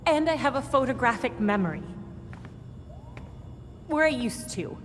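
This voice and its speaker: A woman voicing Batgirl, a determined young vigilante, speaking in an earnest, brisk and focused way. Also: sits high, expressive. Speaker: game character. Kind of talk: video game cutscene acting. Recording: reverberant game mix with faint background noise.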